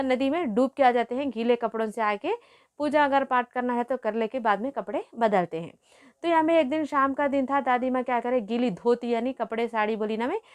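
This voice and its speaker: Higher-voiced woman teacher glossing words. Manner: repeats and glosses hard words, calls pupils "beta". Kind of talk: explaining a Hindi lesson story to pupils.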